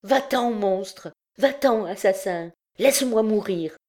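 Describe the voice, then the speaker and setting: A woman reading the part of a defiant young woman prisoner in an audiobook, cold and fierce, her voice raised higher. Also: takes it slowly, darkish tone, lightly acted. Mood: furious.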